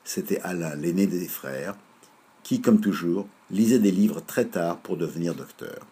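Low-voiced man reading a children's story. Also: breathy edge. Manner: measured, lively narration.

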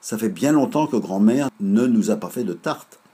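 A man's voice: lowish voice, animated, moderate pace, dark tone, husky. A man doing a kindly, puzzled old grandpa.

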